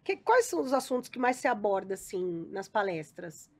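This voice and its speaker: A woman's voice: medium pitch, very animated, moderate pace. A woman hosting a podcast who asks questions and shares stories in casual, conversational talk. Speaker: podcast host. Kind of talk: casual interview chat.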